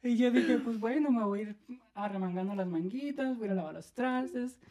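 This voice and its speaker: A man with a Mexican accent telling an animated story on a podcast, laughing and acting out what people said. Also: high-pitched, a little fast. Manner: animated, laughing, acts out quoted voices. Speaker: podcast co-host. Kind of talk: casual storytelling chat.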